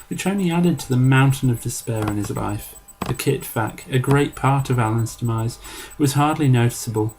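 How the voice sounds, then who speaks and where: A man reading a story aloud in an amateur storybook narration, measured and dry. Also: medium pitch, a little mellow, a little hiss or hum, poor audio. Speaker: story reader.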